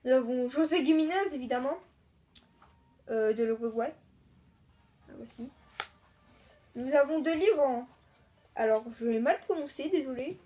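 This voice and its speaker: A woman hosting her own video, chatting casually and haltingly as she opens card packs and lists each one. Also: high voice, dark tone. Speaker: video host. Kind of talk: casual card-unboxing commentary.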